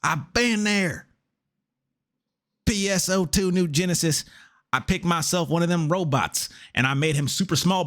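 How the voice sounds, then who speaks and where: Tired, exasperated man streaming. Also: fairly high pitch. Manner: exasperated, preachy, says "brother" a lot. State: tired after a long stream. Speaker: streamer reacting to a video. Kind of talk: casual reaction commentary.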